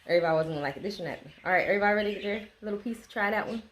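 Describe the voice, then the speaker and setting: A woman speaks at a brisk clip as she hosts a casual taste test. She chats to the camera and the people with her, over faint background noise. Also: medium pitch. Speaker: host of a family food taste test. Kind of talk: casual chat to camera and companions.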